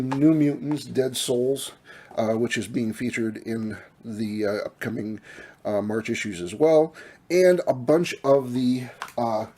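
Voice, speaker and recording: A Minnesota man who vlogs about comic books shows off his new purchases in a casual show-and-tell from a home room full of collectibles. His voice is medium in pitch and warm in tone, though he's losing it, and he rambles with lots of fillers and restarts.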